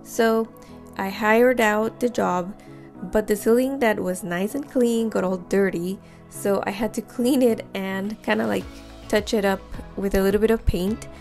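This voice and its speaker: Friendly woman home-renovation vlogger, chatty lapel-mic voice-over at mid pitch over light music. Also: fairly even intonation, unhurried, a little mellow. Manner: upbeat and encouraging, chatty. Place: home living room, indoors.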